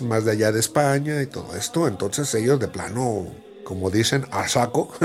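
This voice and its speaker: A man with a Mexican accent talking in a casual monologue, musing and restarting phrases as he goes. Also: mid-range voice. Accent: Mexican Spanish.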